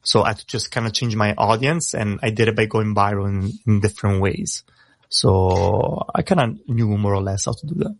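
Speaking quick, accented English as his second language, an Italian rapper chats on a radio show, his lowish voice creaky, frequently doubling words at the start of ideas in this relaxed interview.

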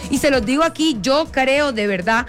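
A woman's voice: high-pitched, lively intonation, moderate pace, faint music behind. A woman co-hosting a sports chat show, playful and argumentative. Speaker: co-host.

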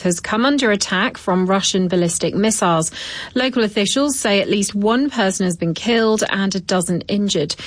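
A woman reads scripted radio news headlines in a crisp, even manner. The sound is dry and close, with no room around her voice. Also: fairly low pitch, no room sound. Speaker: newsreader.

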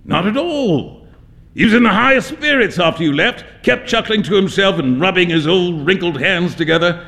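A jovial young gentleman in a storybook reading. His voice rides high and leaps about animatedly. He teases with hearty, theatrical relish. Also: animated, normal speed. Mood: jovial teasing. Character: boisterous, teasing English gentleman painter, jovial young man. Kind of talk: dramatic literary story reading.

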